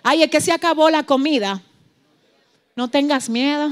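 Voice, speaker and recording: A woman preacher, giving a fervent sermon that swings from soft asides to shouted peaks and acts out quoted dialogue. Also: high-pitched, moderate pace. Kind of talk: Pentecostal-style sermon.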